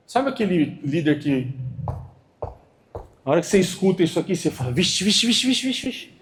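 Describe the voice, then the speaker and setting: A Brazilian man giving an internal corporate training talk to a room, acting out little dialogues as he goes. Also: high voice. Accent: Brazilian Portuguese. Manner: animated, acts out dialogues.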